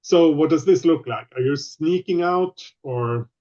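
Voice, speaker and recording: A man running a tabletop game online as game master, explaining rules patiently with many pauses. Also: a little high, a little mellow, muffled recording.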